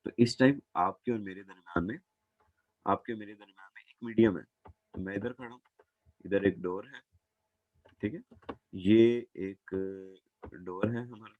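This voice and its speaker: A man's voice: lowish voice, measured pace, long pauses, dry recording, phone-quality sound. A man teaching a physics lesson as a classroom lecture, patient and repeating points, calling his students "beta".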